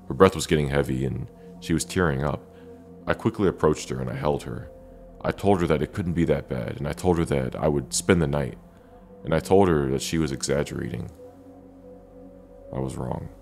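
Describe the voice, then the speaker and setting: A man narrating a first-person scary story in a dramatic way with deliberate pauses. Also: extremely low pitch, creaky.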